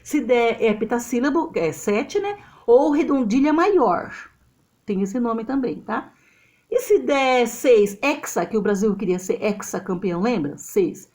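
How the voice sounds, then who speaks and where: Woman, Brazilian accent, teacher, classroom lesson to camera, animated, fairly high voice, very lively intonation. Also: unhurried. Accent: Brazilian Portuguese. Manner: animated and explanatory, checks understanding with tag questions. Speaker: literature teacher. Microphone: camera mic.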